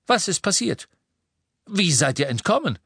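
A man voicing a tense grown wizard who speaks in sharp, clipped questions. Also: fairly high pitch, very animated, moderate pace, no room sound, studio quality, voice pushed up, heavily acted. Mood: urgent, stern.

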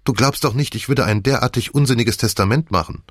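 A man's voice: medium pitch, a little fast, breathy edge, no room sound, studio quality, pitched above the performer's own voice, natural voice. A man voicing a bold, self-assured young woman who speaks with cool reproach, in an audiobook.

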